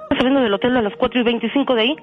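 A woman's voice: fairly high pitch, racing, narrow, tinny audio. A middle-aged woman, talking on a radio prank call with insistent, emotional questions. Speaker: prank call victim, caller's mother. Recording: radio broadcast over phone with music.

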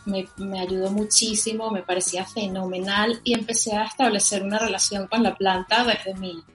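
On a casual podcast, a young woman from Venezuela chats as a guest with lively enthusiasm, her Venezuelan accent clear and her speech full of fillers. She talks at a medium pitch and a moderate pace while faint music plays behind her.

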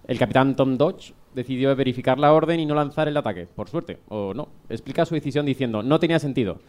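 A man's voice: medium pitch, fast talker, a little mellow. A man reading a comic news story aloud, stumbling over words and laughing at his own slips. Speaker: comedy news contributor.

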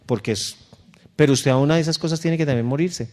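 A man's voice: on the high side, fast, darkish tone. A middle-aged man, a pastor preaching a sermon in a conversational, storytelling way that speaks directly to his listeners.

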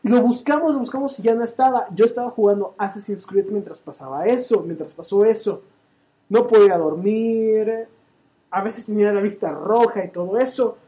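High-voiced young Mexican man, animated storyteller. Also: normal speed. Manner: animated, playfully exaggerated storytelling. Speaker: podcast co-host. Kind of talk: joking podcast banter.

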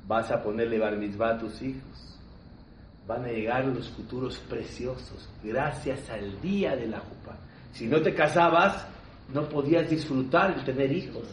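A man giving a religious lesson. He tells stories emphatically, repeats himself, and swings between loud stresses and hushed asides. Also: medium pitch, a little slow, slight background noise. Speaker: rabbi teaching a class. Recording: roomy, distant, dull hall recording.

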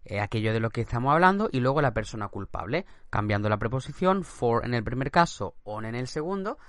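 A man teaching an English grammar lesson. He reads each example sentence slowly and clearly, repeats it, and often checks in with "right?" and "okay?". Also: mid-range voice, expressive, a bit bright, dry recording, studio quality. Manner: often ends points with "¿no?" and "¿vale?". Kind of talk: language lesson.

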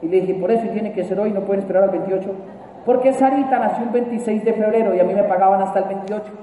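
A Colombian man telling a funny personal story to a live audience in a large hall, animated and emphatic and repeating key phrases. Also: high-pitched, very fast, narrow, tinny audio, slight background noise. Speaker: motivational speaker. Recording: echoey hall from far off, faint ambience.

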